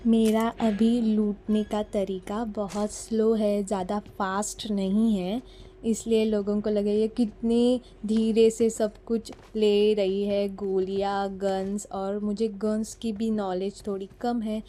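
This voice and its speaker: Slow and dark-toned, with a mid-range voice and little pitch movement, a woman from Maharashtra, India, speaks with a Mumbai Hindi accent; Marathi is her language. This mobile gaming YouTuber, on a phone mic, chats through a gameplay voice-over, teasing herself and switching between Hindi and English.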